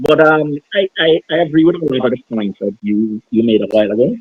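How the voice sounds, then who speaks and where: A middle-aged man, calling in and talking hesitantly with many pauses, his voice muffled as if heard through a wall. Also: medium pitch, fairly even intonation, slightly rough, no echo. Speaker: caller. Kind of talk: casual discussion. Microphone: phone. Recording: muffled dull call line.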